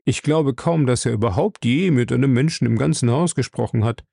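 A man reading aloud and voicing a calm, stout, middle-aged office manager who speaks in a measured, confiding way. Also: medium pitch, gravelly, husky, dry recording, clean studio sound.

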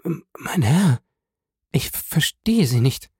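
A man's voice: mid-range voice, huge pitch swings, normal speed, mellow, husky, no room sound, clean studio sound, exaggerated voice. A man voicing a terrified young noblewoman who stammers and pleads in a breathless, half-whispered way. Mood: pleading.

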